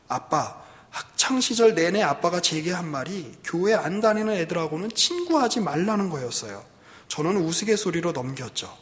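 A man's voice: high-pitched, big pitch swings, moderate pace, a bit bright, voice pushed up. A man voicing a frustrated thirty-year-old pastor's daughter, pleading and resentful, in a reverberant hall. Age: 30s.

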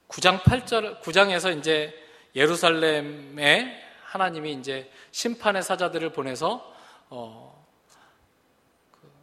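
A pastor preaching a sermon, earnest and building to impassioned emphasis. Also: male voice, fairly high pitch, pushed and bright. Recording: long reverb of a large hall.

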